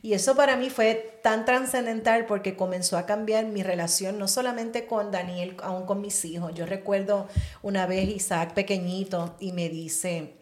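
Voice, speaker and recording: A middle-aged woman, a pastor's wife, telling a personal testimony in an animated way and mixing in English words. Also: medium pitch, normal speed. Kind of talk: conversational testimony. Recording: roomy echo.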